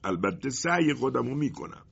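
A weary old wooden hut from a storybook grumbles and complains, as a man acts it out. The voice is husky and lively. The recording is muffled and lo-fi. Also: mid-range voice, voice pushed up. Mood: grumbling.

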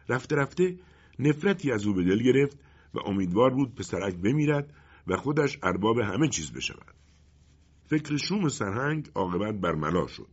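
A man narrating an audiobook story with expressive, dramatic storytelling. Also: lowish voice, breathy edge. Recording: dull lo-fi recording.

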